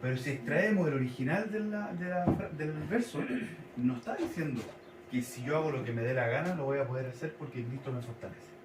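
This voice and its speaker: A man teaching a sermon to his congregation, slowly repeating and spelling out key words. He is recorded in a church hall. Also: mid-range voice, background noise. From Chile. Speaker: pastor. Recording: echoey church hall, mic at a distance.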